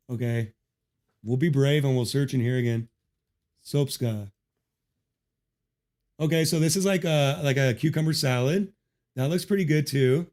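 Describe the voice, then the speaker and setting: A male livestream gamer with a mid-range, slightly mellow voice chats casually with his viewers while playing. He greets chat, jokes around, and swears a lot, speaking into a desk mic with noise removal.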